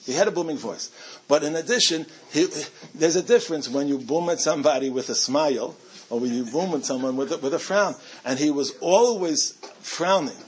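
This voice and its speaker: Man telling a story, slightly high voice. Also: lively intonation, brisk, husky. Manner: chatty, self-amused, with frequent restarts. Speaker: speaker to a community audience. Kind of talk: storytelling talk.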